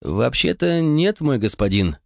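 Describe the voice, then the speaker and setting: A man's voice: medium pitch, very animated, fairly quick, dry recording, studio quality, pitched above the performer's own voice. A man reading aloud, voicing a nervous young messenger reporting deferentially to his king in an audiobook. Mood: hesitant. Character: anxious young male messenger.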